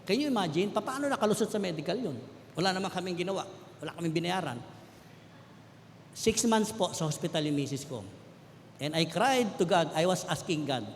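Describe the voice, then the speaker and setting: A middle-aged man with a Filipino accent giving an emotional sermon testimony, telling his story in turns of loud urgency and hushed quiet. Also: sits high, lively intonation, a little fast, long pauses. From Philippines. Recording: echoey hall with faint background noise.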